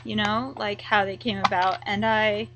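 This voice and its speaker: A young woman chatting casually to camera as a vlogger, rambling and halting, full of likes and ums. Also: medium pitch, little pitch movement, bright, forceful tone, a little hiss or hum, low-quality recording.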